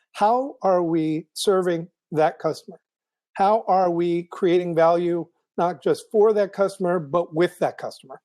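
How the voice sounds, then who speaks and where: A man hosting a live video show, thinking aloud in a casual monologue with many ums and restarts, his voice going hoarse. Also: fairly high pitch, a little mellow. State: losing his voice.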